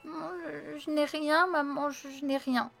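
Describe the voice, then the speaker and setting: A woman voicing a remorseful little girl who talks haltingly, on the verge of tears. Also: high-pitched, pushed and bright, faint music behind, voice pushed up. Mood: upset. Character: young girl, remorseful, tearful.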